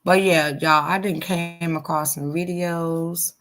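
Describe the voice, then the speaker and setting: A woman's voice: fairly low pitch, fairly even intonation, takes it slowly, fairly bright tone, soft background music. A woman in her forties hosting a casual live chat, talking straight to her supporters in an emphatic, repetitive way. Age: 40s. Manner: emphatic and repetitive, addressing viewers directly. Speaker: livestream host.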